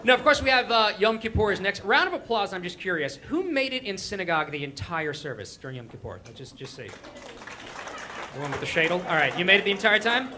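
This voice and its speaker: A young man from Israel working a live comedy crowd, fast and animated, his voice high and bright with big swoops in pitch. Faint crowd murmur and room noise sit behind him. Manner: quick, animated crowd work with mock voices. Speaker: stand-up comedian. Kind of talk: stand-up comedy set. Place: live comedy stage before an audience.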